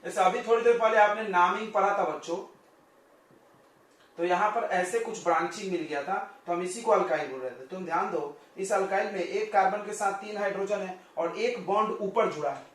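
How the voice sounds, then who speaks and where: A male coaching-class teacher giving a chatty chemistry lesson, joking with his students and firing quick questions at them. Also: high voice, a bit bright. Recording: very echoey classroom, distant mic.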